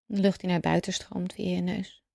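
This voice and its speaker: A woman guiding a breathing meditation, speaking calmly and slowly in a soothing way with long pauses. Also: on the low side, vocal fry, no echo, studio quality. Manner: calm, slow, soothing instruction with long pauses. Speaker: meditation guide. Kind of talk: guided breathing meditation narration.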